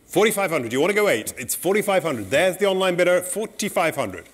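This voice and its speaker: Brisk male auctioneer calling bids. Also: sits high, big pitch swings. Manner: brisk, polite, repetitive bid calling. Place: auction saleroom, indoors.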